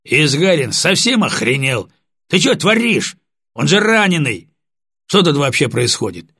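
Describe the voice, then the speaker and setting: A man voicing a tense, commanding male counterintelligence lieutenant in an audiobook, with a husky voice. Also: mid-range voice, expressive, normal speed, dry recording, studio quality, heavily acted. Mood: stern. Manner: sharp commands, then polite apologies.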